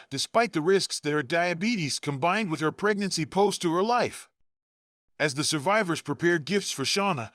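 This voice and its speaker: A man reading scripted narration for a video essay in a steady, even way. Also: fairly high pitch, dry recording, studio quality.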